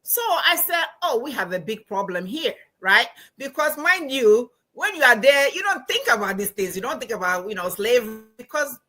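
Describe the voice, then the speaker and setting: A middle-aged Ghanaian woman with a bright, ringing voice that sits a little high. She tells her story in an earnest, emphatic way, repeating phrases for weight. She is a guest in a casual live-streamed chat over a video call. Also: lively intonation, normal speed, hardly any pauses. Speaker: guest, cultural anthropologist.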